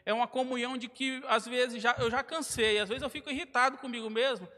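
High-voiced preacher in a reverberant church. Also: male voice, steady tone, fairly quick. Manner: casual, addresses listeners as "cara" and "irmão"; acts out dialogue in his stories. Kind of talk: sermon with personal stories. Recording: long hall reverb, loud music behind. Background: guitar music.

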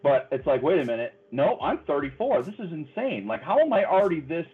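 A man's voice: fairly high pitch, sing-song, brisk, narrow, tinny audio. A man in his thirties, a guest on a podcast, telling stories in a friendly way and laughing often. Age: 30s. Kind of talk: casual interview chat.

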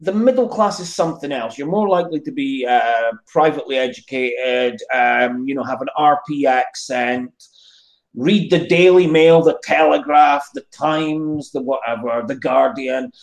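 A man's voice: mid-range voice, normal speed. A man with a modern British accent giving opinions in casual discussion, emphatic and often checking in with short tag questions. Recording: roomy, echoey sound.

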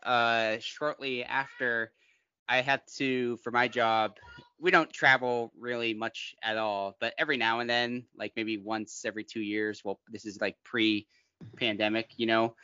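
An easygoing young man with a bright, forward voice shares his view in casual podcast chat. His voice is dry and close, and dulled like lo-fi call audio. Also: mid-range voice, steady tone, unhurried, smooth, no echo. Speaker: podcast co-host. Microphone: remote call mic.

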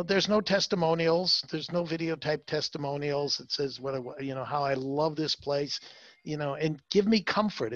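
Male consultant, slightly high voice, emphatic and repetitive, dull dry recording. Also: dry recording. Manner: emphatic, repeats key words, many fillers. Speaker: salon marketing consultant. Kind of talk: interview, advice talk.

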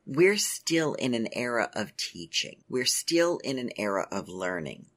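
A middle-aged woman hosting a podcast, telling a personal story in a measured, earnest way. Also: very deep voice, very animated, a bit bright. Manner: measured, earnest, speaks in drawn-out phrases. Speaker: podcast host.

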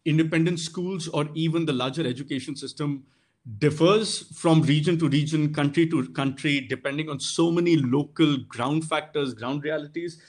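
A man with an educated, posh Indian accent giving considered, articulate and formal interview answers, often rephrasing as he goes. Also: a little high. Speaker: guest, English teacher and boarding school housemaster.

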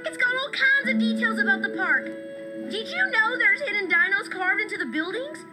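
A woman voicing an excitable, self-promoting teenage vlogger in an animated series, showy and chipper. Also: very high-pitched, normal speed, over loud music. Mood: excited.

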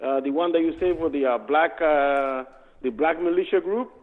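A man's voice: on the high side, moderate pace. A man calling in to a talk show over the phone, arguing with the host and repeating himself. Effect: heard over the phone. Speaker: caller. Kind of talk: call-in radio argument. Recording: tinny phone line with reverb.

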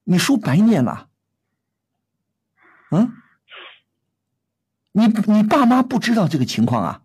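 A middle-aged man scolds his caller on an advice show, firing off one blunt question after another. His voice is husky and swings widely in pitch. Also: big pitch swings, takes it slowly, a little mellow. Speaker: radio advice host.

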